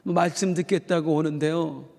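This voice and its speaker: A middle-aged man preaching a sermon as pastor, telling stories in a folksy, animated way. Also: a little high, normal speed, creaky. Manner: folksy, animated storytelling with acted quotes. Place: church sanctuary. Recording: long church hall reverb.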